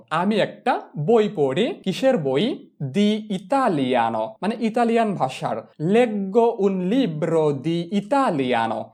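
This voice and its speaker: A young male language teacher with a high, animated voice works through a lesson at an unhurried pace. He drills each word by repeating it slowly and then explains it carefully.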